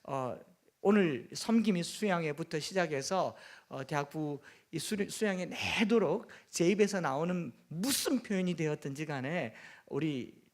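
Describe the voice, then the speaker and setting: Earnest Gyeongsang-accented pastor preaching. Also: male voice, a little high, lively intonation, a little slow. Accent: Gyeongsang Korean. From Gyeongsang region, South Korea. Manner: earnest preaching with humorous asides. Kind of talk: sermon.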